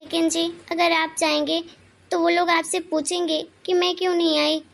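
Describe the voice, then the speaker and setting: A woman's voice: extremely high pitch, flat delivery, moderate pace, creaky. A woman doing a meek, pleading older mother-in-law. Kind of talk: cartoon voice acting.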